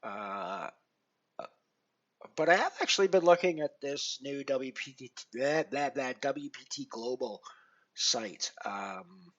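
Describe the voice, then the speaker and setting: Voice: medium pitch, animated, slow, fairly bright tone, lo-fi sound. A poker streamer chatting casually with live viewers, rambling along with plenty of fillers and restarts.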